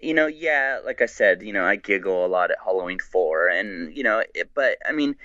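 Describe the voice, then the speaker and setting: A man guesting on a podcast, chatting excitedly and rambling with many restarts. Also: low-pitched, moderate pace, no room sound, highs cut off. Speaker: guest, horror writer. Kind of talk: casual podcast chat.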